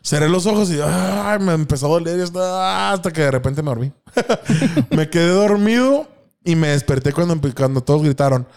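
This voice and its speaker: A young man with a Mexican accent, co-hosting a podcast, spins a story in slangy, casual talk, laughing and performing other people's lines. His voice runs on the high side, expressive and gravelly yet a little mellow, at normal speed.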